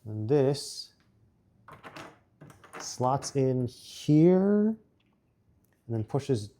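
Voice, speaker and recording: A man's voice: medium pitch, big pitch swings, dark tone, slight background noise. A man streaming as he builds a model set, chatting casually and talking himself through each step. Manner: slow, muttering step-by-step instructions to himself. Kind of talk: casual chat while building.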